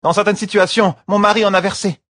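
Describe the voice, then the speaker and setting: A man reading an audiobook and voicing a hoarse, exhausted noblewoman who gives orders in a croaking voice. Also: high-pitched, steady tone, fast talker, fairly bright tone, no room sound, clean studio sound, pitched above the performer's own voice. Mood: firm. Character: exhausted noblewoman, a commanding lady.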